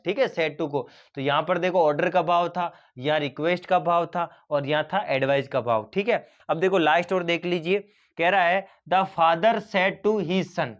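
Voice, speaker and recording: A man's voice: fairly high pitch, a bit bright, muffled recording. A man teaching a grammar lesson, explaining step by step and asking and answering his own questions.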